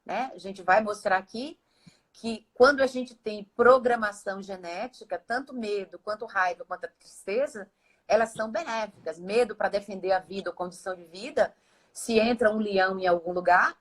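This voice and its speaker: A woman's voice: medium pitch, moderate pace, low-quality recording. Didactic woman explaining patiently. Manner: steady, didactic, with frequent tag questions. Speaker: guest expert. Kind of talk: explanatory conversation.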